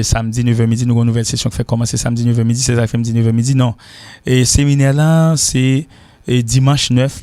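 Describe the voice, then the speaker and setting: A man with a Haitian accent teaching English in a casual spoken lesson, repeating phrases slowly as drills. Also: medium pitch, a little mellow, no echo. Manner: chatty, loose phrasing with many restarts.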